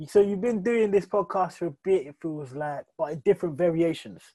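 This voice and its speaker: A man's voice: high-pitched, a little fast, dark tone. A man, a podcast guest chatting casually in slang and repeating phrases for emphasis. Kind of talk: casual chat.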